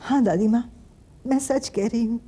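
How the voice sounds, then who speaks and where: An actress playing a hurt young wife and loyal daughter in a TV serial drama, speaking in an emotional, pleading way. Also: female voice, fairly high pitch, moderate pace, dark tone, husky. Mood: tearful. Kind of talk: TV serial acting. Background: background music score.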